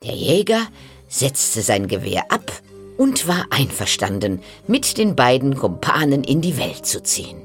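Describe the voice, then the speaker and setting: A woman narrating a fairy tale in a calm, expressive storytelling voice. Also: extremely low pitch, a little slow, music in the background.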